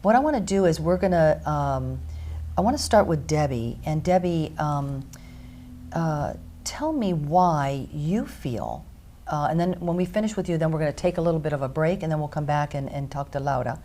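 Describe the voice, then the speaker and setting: A woman hosts a talk radio interview with a low, mellow voice. She drives her points home in rhythmic lists, pausing with fillers before pushing on. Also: lively intonation. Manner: emphatic, stacks points in lists. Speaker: radio show host.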